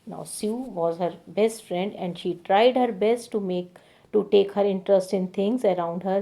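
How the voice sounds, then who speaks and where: A woman's voice: on the low side, creaky, dark tone. A woman teacher reading a story aloud and then retelling each passage in simpler words, with frequent fillers.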